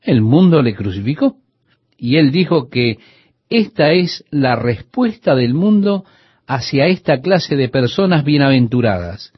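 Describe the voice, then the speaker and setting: A man preaches a radio sermon in a husky, slightly breathy voice, his pitch rising and falling with lively swings as he speaks earnestly and straight to the listener. The recording is dull and lo-fi, with a dry, close sound. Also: unhurried, no echo. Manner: earnest, addresses the listener directly.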